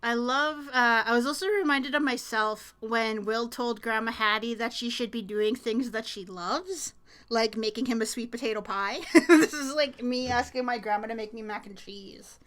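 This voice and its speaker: A woman's voice: a little high, normal speed, a bit bright. A young woman from Canada co-hosting a podcast, chatting casually with lots of fillers and laughter. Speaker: podcast co-host. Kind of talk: casual chat.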